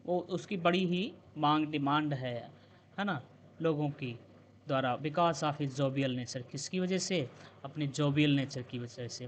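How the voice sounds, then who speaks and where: A male teacher with a fairly high voice who talks at an unhurried pace. He goes through English vocabulary by explaining each word in Hindi. He reads the English example sentences out slowly and keeps checking with his students through little prompting questions. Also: slight background noise. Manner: repetitive prompting questions with tag "है ना?". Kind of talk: bilingual vocabulary lesson.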